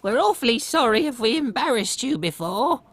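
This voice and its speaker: A bubbly little bug. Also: female voice, a little high, very animated, normal speed, slight background noise.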